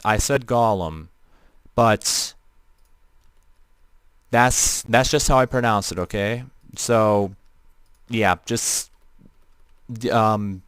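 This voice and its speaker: A man's voice: lowish voice, a bit bright, clear, resonant tone, dry recording. Chatty young man with a Midwestern accent. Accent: Midwestern American. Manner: rambling, chatty, talks to chat viewers. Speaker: game streamer. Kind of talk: casual live-stream commentary.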